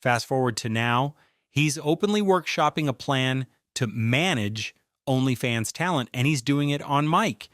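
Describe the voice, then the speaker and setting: A man's voice: mid-range voice, expressive, a little slow, a bit bright, dry recording. A man reading scripted commentary in a dry, sarcastic tone. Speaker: commentary host.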